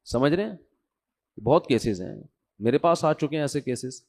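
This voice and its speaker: A man's voice: medium pitch, lively intonation, a little mellow. A middle-aged man, preaching in a chatty storytelling way and mimicking the people he quotes. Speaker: religious preacher. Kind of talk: sermon.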